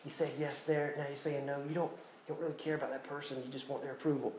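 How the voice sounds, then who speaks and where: A man with a Southern US accent preaches a sermon as pastor, conversational and self-deprecating, repeating his key phrases. His voice is on the high side, level in tone and fast, recorded lo-fi with background noise in an echoey room with faint ambience.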